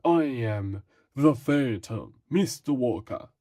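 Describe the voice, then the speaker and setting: A man voicing a stern masked male hero who gives a calm warning. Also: medium pitch, takes it slowly, no echo, clean studio sound. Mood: menacing.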